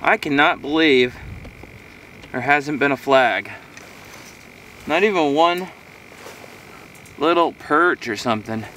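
Middle-aged man, easygoing outdoor vlogger, chatty and meandering; bright tone, camera mic set back outdoors. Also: on the high side, takes it slowly, long pauses, recorded from a distance, a little hiss or hum. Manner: rambling, easygoing, talking to himself while eating. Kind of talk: casual solo vlog. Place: outdoors on a frozen lakeshore in winter. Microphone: camera on a tripod a few metres away.

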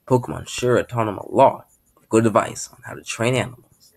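A man's voice: mid-range voice, a little fast, vocal fry, darkish tone. A man casually reading aloud his own story, in an offhand manner with frequent restarts.

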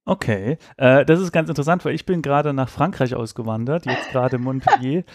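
A man's voice: medium pitch, fairly quick, no room sound, studio quality. A man hosting a podcast interview, talking casually and hesitantly with fillers. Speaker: podcast host.

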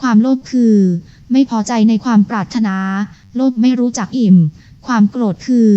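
A calm, learned young woman, read by a woman in an audiobook, soft-spoken and measured. Her voice sits a little high with a mellow warmth, recorded dry and slightly dull. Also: dry recording, natural voice. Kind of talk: audiobook character voice.

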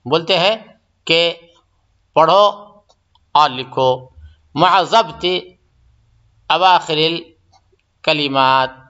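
A man's voice: on the high side, drawn-out words, long pauses, bright, forceful tone, dull audio. A man teaching a language lesson, patiently repeating each phrase and explaining it step by step. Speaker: Arabic teacher. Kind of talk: recorded grammar lesson.

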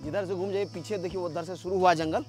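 High-voiced man vlogging outdoors. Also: quick pace, faint music behind. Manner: lively, addresses viewers directly, chats with passers-by. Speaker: travel vlogger. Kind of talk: on-location travel vlog commentary. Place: outdoors on a forest trail by a waterfall. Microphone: camera filmed by a companion while walking.

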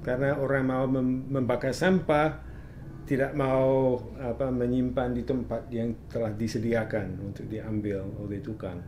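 A man, halting and searching for words in a casual family interview. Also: mid-range voice, level tone, darkish tone. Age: 60s. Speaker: interviewee, father of the host. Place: small home room indoors, camera mic a few metres away. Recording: echoey room with background noise.

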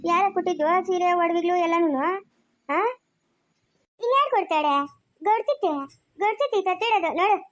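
Woman doing a shrill rural Karnataka mother-in-law who nags and mocks, high and quick, village skit. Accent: rural Karnataka Kannada. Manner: shrill, scolding, loud calls. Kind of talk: village family skit acting.

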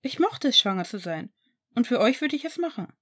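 Perky, higher-pitched woman, friendly and upbeat, as a narrator puts her on. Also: big pitch swings, a little fast. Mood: cheerful. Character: cheerful generous woman friend, adult.

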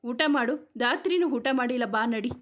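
A woman voicing a gentle motherly mother-in-law. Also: a little high, unhurried, dull audio. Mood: coaxing. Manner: coaxing, gentle.

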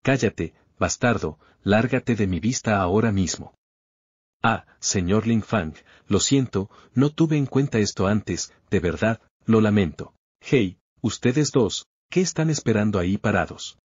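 A man voicing a vain, quick-tempered young rich man who is bossy and insulting. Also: lowish voice, expressive, darkish tone, husky, no echo. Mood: angry. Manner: bossy, swings between insults and groveling. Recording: slightly dull lo-fi recording.

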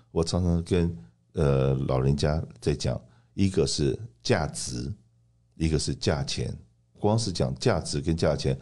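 A man with an extremely low, mellow voice presents a radio talk segment. He explains in an emphatic way, repeating points and putting rhetorical questions to listeners. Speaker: radio host and insurance agent.

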